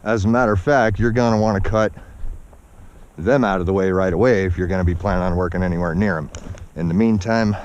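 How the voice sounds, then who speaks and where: A man's voice: deep voice, fast, a little mellow, clear, resonant tone. A man giving a casual, folksy, instructive walk-along narration outdoors, somewhat out of breath from hiking uphill. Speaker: outdoor vlogger. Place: outdoors on a snowy forested mountainside. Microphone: body-worn action camera. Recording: dull muffled action-camera sound, outdoor noise.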